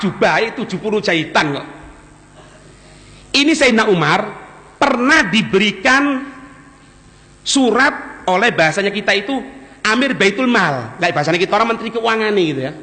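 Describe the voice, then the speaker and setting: A man with a Javanese accent giving a sermon as a lively storyteller who mixes in local words, recorded in a prayer hall. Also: high voice, normal speed, pauses often. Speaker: preacher.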